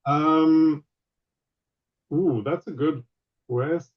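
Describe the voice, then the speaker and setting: Male game master on an online call, patient and halting, muffled lo-fi sound. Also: a little high. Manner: explains rules patiently with many pauses. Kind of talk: running a tabletop game online.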